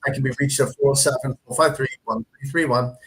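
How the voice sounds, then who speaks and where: A man's voice: mid-range voice, steady tone, fast, fairly bright tone, rough recording. A man working as a real estate broker, making polite, courteous cold calls on the phone. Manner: polite and courteous, sir and ma'am.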